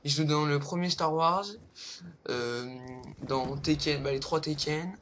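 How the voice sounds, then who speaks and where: A man's voice: fairly high pitch, unhurried, a bit bright, a little hiss or hum. A young man hosting a casual countdown vlog, hesitant, with lots of fillers and rambling asides. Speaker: vlogger. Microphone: low-quality home recording.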